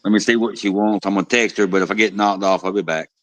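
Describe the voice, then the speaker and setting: A man's voice: fairly low pitch, fairly even intonation, quick pace, a bit bright, poor audio. An older man on a video call, chatting casually and teasing the host. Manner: teasing and jokey. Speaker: guest on the call.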